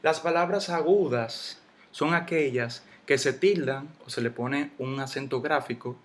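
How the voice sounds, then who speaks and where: A man teaching a Spanish spelling lesson, slowly spelling out syllables and letters. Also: a little high.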